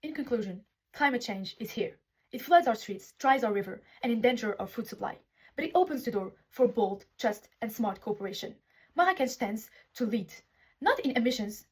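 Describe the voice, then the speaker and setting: A woman's voice: on the high side, lively intonation, fairly quick, breathy edge, poor audio. A young woman from Morocco giving an earnest prepared speech as a city representative, reading her text with small restarts. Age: young adult. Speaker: student speaker representing a city.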